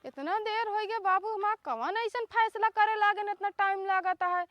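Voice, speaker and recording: A woman's voice: very high voice, normal speed, muffled recording, heavy background noise. A woman with an Awadhi accent playing a fed-up, feisty village wife who scolds and complains in an amateur comedy skit. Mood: impatient. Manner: scolding, indignant.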